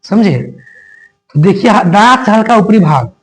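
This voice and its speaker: A man's voice: sits high, expressive, measured pace, soft background music, rough recording. A man teaching a grammar lesson, sounding out letters one by one and quizzing his students with repeated questions.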